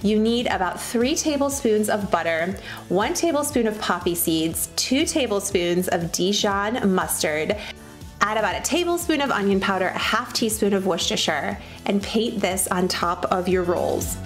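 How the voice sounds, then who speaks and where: A cooking channel host, a Midwestern woman in her thirties, walks through recipe steps in a cheerful, chatty voice-over. Her medium-pitched voice is animated and moves at a moderate pace, recorded under loud background music.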